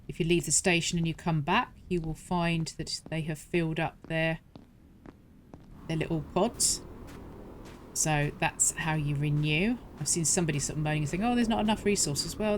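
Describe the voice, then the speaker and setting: A woman's voice: low-pitched, a little hiss or hum. A woman hosting a gaming channel, talking through a survival game step by step in a chatty, self-correcting way. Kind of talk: game walkthrough commentary.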